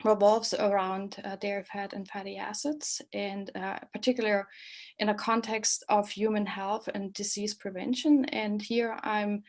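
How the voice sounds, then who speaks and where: A woman's voice: medium pitch, level tone, measured pace. A woman in her forties from East Germany with a German accent, an associate professor presenting a webinar, earnest and full of ums and uhs. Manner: many um and uh fillers, friendly and earnest.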